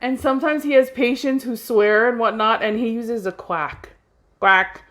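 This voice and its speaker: A woman's voice: fairly high pitch, moderate pace, a bit bright. A woman co-hosting a casual podcast, blunt and grumbling, swearing freely. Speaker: podcast co-host.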